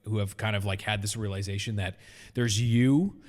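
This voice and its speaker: A man co-hosting a casual podcast chat, blunt and excitable, swearing often. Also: fairly low pitch, normal speed, in a large hall. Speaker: podcast co-host.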